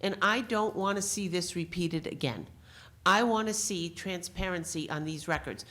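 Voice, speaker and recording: Woman w/ lowish voice at the city meeting mic, pointed and insistent. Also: normal speed, sharp tone. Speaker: public commenter. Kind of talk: public comment at a city meeting. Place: city council meeting room.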